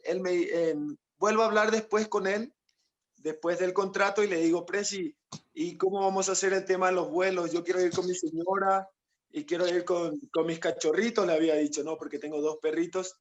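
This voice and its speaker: A man's voice: fairly high pitch, dull audio. A footballer from Paraguay, recounting his story in an interview and speaking in long, rambling stretches with many tag questions. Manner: rambling, quotes others, frequent "¿no?" tags. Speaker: footballer guest.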